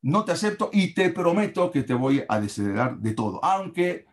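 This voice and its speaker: A man's voice: mid-range voice, lively intonation, measured pace, darkish tone. A man voicing a wealthy older father who angrily forbids his daughter's marriage and disowns her, in a commanding, indignant manner. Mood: stern.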